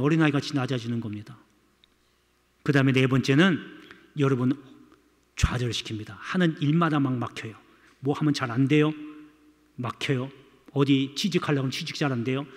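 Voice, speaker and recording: A man's voice: medium pitch, long reverb tail. A male pastor preaching a sermon in a church, speaking emphatically and repeatedly addressing the congregation. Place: church sanctuary.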